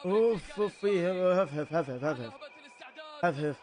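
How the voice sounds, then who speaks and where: A young man with a Saudi accent doing comedic live reaction commentary on a football match, excitable, shouting and laughing with mock outrage. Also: a little high, normal speed. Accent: Saudi Arabic.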